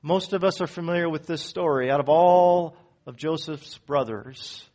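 Emphatic pastor preaching a sermon. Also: male voice, normal speed. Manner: swings from loud emphatic peaks to low quiet phrases. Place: church sanctuary.

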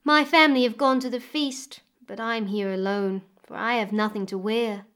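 A woman voicing a gentle, lonely young girl. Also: a little high, steady tone, normal speed, clean tone, natural voice. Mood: sad.

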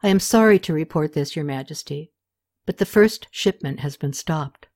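A woman voicing a soft-spoken, loyal male royal scribe who delivers bad news quietly. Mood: grave. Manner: quiet, low and measured.

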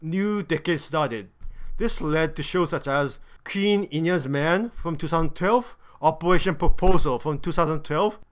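A man's voice: on the high side, measured pace. A man giving a scripted review of a television drama, with dry, sarcastic humor.

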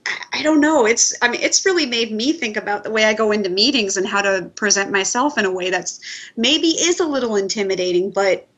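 A woman's voice: medium pitch, a little fast, fairly bright tone. A woman co-hosting a podcast in casual chat, talking in a loose way full of "like" and "you know". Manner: chatty, uses "like" and "you know". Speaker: podcast co-host.

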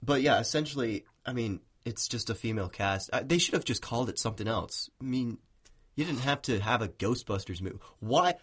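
A young man chatting casually about movies, hesitant, with many pauses and restarts. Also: mid-range voice, expressive, fairly bright tone, slight background noise. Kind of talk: casual chat.

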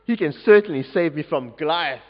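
A man's voice: a little high, brisk, voice pushed down, natural voice. A man voicing a confident young shepherd boy in a read-aloud story. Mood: determined. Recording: dull echoey church recording.

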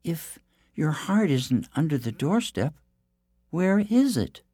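A man's voice: fairly high pitch, very animated, slow pace, warm tone, husky, no room sound, studio quality, pitched above the performer's own voice, exaggerated voice. A man voicing a sweet, clever princess. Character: clever, gentle young princess.

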